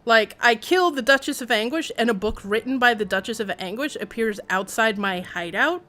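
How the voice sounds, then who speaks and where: A woman streams a video game with game music in the background, commenting and reading in-game text aloud in a wry, chatty, expressive manner. Her voice is on the high side and her pace moderate.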